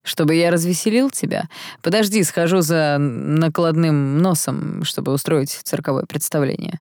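A woman reading a haughty young half-angel man from a storybook, flippant and mocking. The voice sits low with a dry, close sound. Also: normal speed, a little mellow, no echo.

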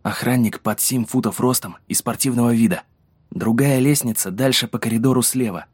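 A woman voicing a calm young male soldier who reports in a hushed, matter-of-fact way, in an audiobook. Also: very deep voice, brisk, slightly rough, no room sound, voice pushed down.

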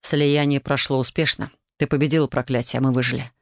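A woman voicing a calm, gentle young man who speaks quietly. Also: rumbling low, fairly quick, no room sound, studio quality, voice pushed down. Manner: quiet and soft. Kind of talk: audiobook character voice.

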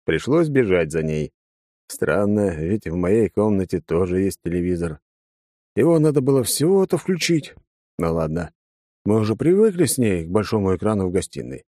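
A man's voice: fairly low pitch, dark tone, no room sound. A man narrating a first-person fantasy audiobook with wry, dry asides.

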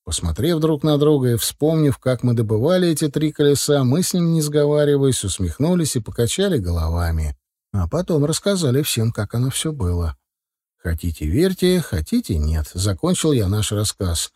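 A man reading a first-person audiobook in a steady, conversational way. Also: medium pitch, normal speed, dry recording, clean studio sound. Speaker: narrator.

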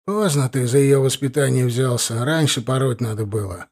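A man reading as a dormitory warden who talks apologetically at first and then turns sly and amused. He sounds like a relaxed friend sharing gossip. The voice stays at a plain middle pitch. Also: normal speed, natural voice. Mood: wry. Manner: apologetic, then wry and chuckling.

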